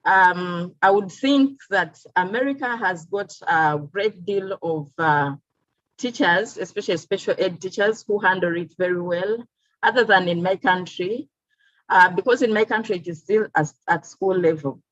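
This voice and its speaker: A woman's voice: lowish voice, a bit bright, no room sound. Woman from uganda giving a talk on a video call, lots of ums, dull dry audio. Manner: measured, many "um" pauses. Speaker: teacher and teacher trainer. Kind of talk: online webinar presentation.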